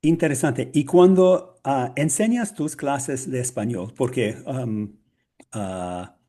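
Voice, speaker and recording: A Spanish student co-hosting a casual podcast speaks slowly and haltingly, with a Mexican-influenced Spanish accent. His medium-pitched voice is warm, and he hesitates often, searching for words amid many fillers.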